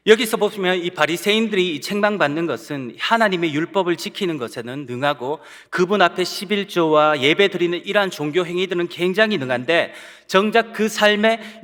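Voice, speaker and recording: A man's voice: high-pitched, pushed and bright. A man preaching a Sunday sermon as pastor, earnest and putting rhetorical questions to his congregation. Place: church sanctuary. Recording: long church-hall reverb.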